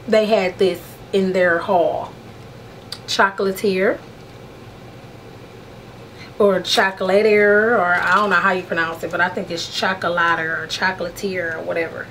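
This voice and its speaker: A woman's voice: fairly low pitch, steady tone, fairly quick, a bit bright, poor audio. A woman vlogger talks through a makeup unboxing in an easy, casual way. She is frank and slangy and keeps calling her viewers "honey". A faint hiss of room noise sits under her voice. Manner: chatty, calls viewers "honey". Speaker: beauty vlogger.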